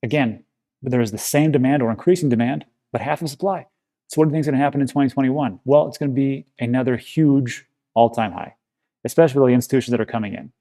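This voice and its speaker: A man talks straight to his viewers in a casual vlog, wandering through his points and restarting sentences as he reassures them. His voice is gravelly and low in brightness, mellow rather than sharp. He sounds like a regular host of his own channel. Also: quick pace. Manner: rambling, reassuring, with frequent restarts. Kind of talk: casual talking-to-camera vlog.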